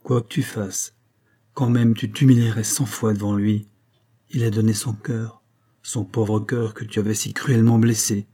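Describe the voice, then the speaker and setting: A man's voice: lowish voice, little pitch movement, normal speed, dark tone, lightly acted. A man reading an audiobook voices a dying old female servant who solemnly reproaches the young woman she raised. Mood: stern.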